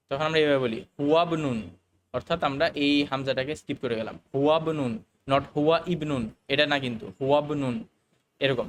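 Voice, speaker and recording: A man teaching a recorded Arabic lesson, explaining the grammar slowly, with fillers and English words mixed in. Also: fairly high pitch, fairly bright tone, slight background noise.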